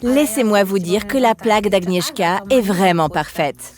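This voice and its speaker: A woman's voice: medium pitch, lively intonation, measured pace, a little mellow. A woman nail instructor explaining a technique step by step in a chatty, instructional way. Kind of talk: instructional demo chat. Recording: music playing behind.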